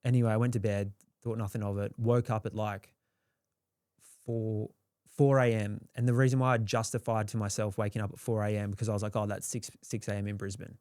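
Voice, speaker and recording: A man's voice: on the low side, level tone, a little fast, darkish tone, clear, resonant tone, no echo, clean studio sound. A young Australian man telling his story in a candid, rambling way, swearing freely and acting out quotes. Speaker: guest.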